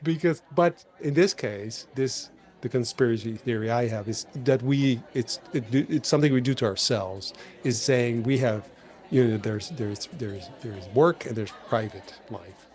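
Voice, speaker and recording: A man hosting a podcast in casual conversation, talking in loose, restarting sentences with animated bursts. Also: medium pitch, unhurried. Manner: rambling, many restarts, animated. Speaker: podcast host.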